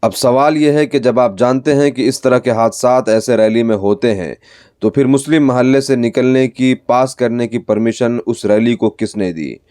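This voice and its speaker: Dark, dry-voiced male news narrator. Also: mid-range voice, moderate pace, smooth, dry recording. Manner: critical, pointed commentary. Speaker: news anchor.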